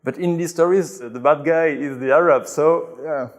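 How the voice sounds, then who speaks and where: Gravelly-voiced man. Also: fairly high pitch, normal speed. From Belgium. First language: French. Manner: thoughtful, hesitant with many restarts. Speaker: interview guest. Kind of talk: conversational interview answers.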